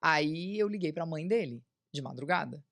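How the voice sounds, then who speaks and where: A woman's voice: sits low, lively intonation, moderate pace, vocal fry, fairly bright tone. A woman tells a personal story as a podcast guest on a studio mic. She acts out the voices of the people she quotes. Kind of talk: casual storytelling.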